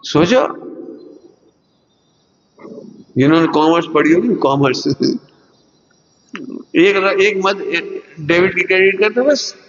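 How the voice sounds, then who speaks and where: A man giving a religious discourse to students, animated and asking his listeners one rhetorical question after another, sometimes acting out other people's voices. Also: sits high, slow, pauses often. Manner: acts out everyday quarrels in other voices. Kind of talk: Hindi sermon to students. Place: large lecture hall at a school. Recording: long hall reverb, dull lo-fi sound.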